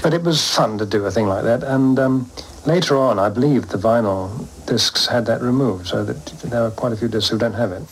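A man's voice: medium pitch, moderate pace, breathy edge, low-quality recording. A man in an archive interview, recounting past studio work in a matter-of-fact way.

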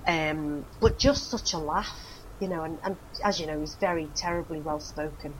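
Chatty middle-aged woman, low voice. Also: normal speed, slight background noise, low-quality recording. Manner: chatty, laughs often, trailing fillers. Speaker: guest, actress. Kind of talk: casual chat, reminiscing.

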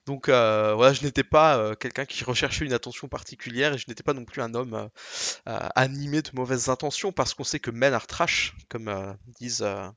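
A man's voice: mid-range voice, brisk, fairly bright tone, dry recording, highs cut off. A chatty man from France co-hosts a casual podcast, drifting from thought to thought with plenty of hesitations. His voice sits in a middle range and comes through dry and close, with no room sound at all. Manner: chatty, rambling with many fillers. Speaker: podcast co-host.

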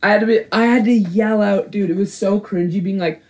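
A man's voice: high voice, steady tone, a little fast, over a noisy crowd. A man in his twenties, co-hosting a podcast, telling a story in casual chat, rambling with lots of "like" and swearing. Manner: rambling, swears a lot, many filler likes. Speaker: podcast co-host.

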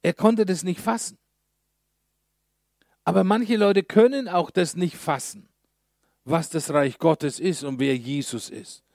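A male pastor preaching a sermon, telling a story in a lively way with slow, emphatic pauses. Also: a little high, gravelly, dry recording, clean studio sound.

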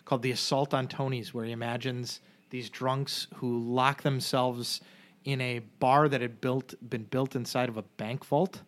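In a casual podcast chat, a male co-host jokes around and rambles, often starting over mid-thought. He has a mid-range voice that's a bit bright, a flat delivery and a moderate pace.

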